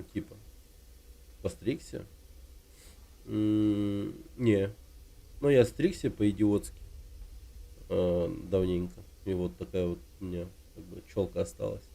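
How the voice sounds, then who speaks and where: A man in his thirties from Russia chats loosely with viewers on his game stream. His voice sits a little low. He rambles along with plenty of filler words and never hurries. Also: gravelly, warm tone. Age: 30s. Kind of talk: casual stream chat.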